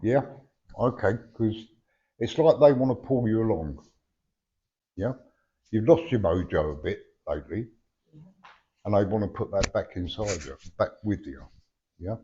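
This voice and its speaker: In a dull, lo-fi live recording with a touch of hiss or hum, a man with a lowish, mellow voice speaks animatedly but a little slowly, with long pauses. He's a medium giving a sitter a blunt, chatty reading at a live event, often asking "yeah?", and his lack of teeth slightly slurs his words.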